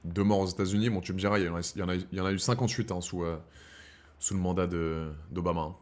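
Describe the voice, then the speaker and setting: Low and steady, his rapid-fire voice carries a casual, slangy chat with his stream audience, whom he addresses as brothers. He's a streamer in his thirties who drifts from heated rants into quiet musing.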